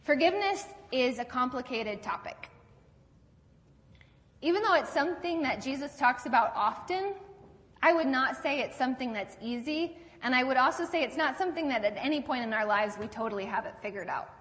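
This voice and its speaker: A woman's voice: high-pitched, lively intonation, fairly quick, fairly bright tone, in a large hall. A woman pastor giving a sermon in a conversational storytelling way, asking her listeners questions as she goes.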